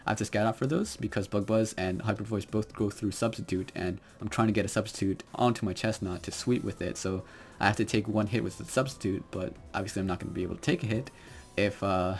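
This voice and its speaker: Young male gamer, low-pitched and quiet, talking through his own match over faint background music, hesitant. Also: steady tone, a little fast. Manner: quiet, hesitant, many fillers. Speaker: Pokemon battle commentator. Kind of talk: game commentary.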